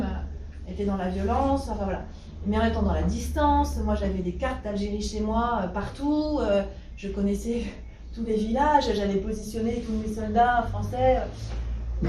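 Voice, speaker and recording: Speaking at normal speed in a medium-pitched, dark voice, a French historian who lectures at university responds to questions with careful thought, often hesitating and starting over. The meeting room is noisy, and distant pickup gives the audio a roomy echo.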